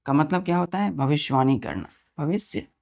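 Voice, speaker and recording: A woman teaching English vocabulary with a low-set, gravelly voice. She spells each word out slowly, letter by letter, and keeps repeating the meaning and asking whether it is clear. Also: animated, a little mellow. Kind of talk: vocabulary lesson for students.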